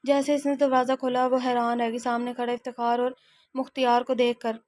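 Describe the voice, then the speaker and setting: Woman narrating a romance audio novel. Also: on the high side. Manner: steady, with frequent restarts. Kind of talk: reading a romance novel aloud.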